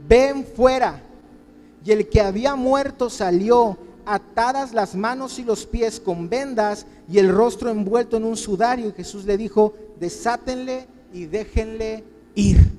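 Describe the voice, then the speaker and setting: A high-pitched man delivers a fervent sermon, slipping into the voices of the people he describes as he pleads with them. His voice rings out with a long hall reverb around it, as from a church. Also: mellow. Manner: impassioned preaching, voicing people's pleas in quotes. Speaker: pastor.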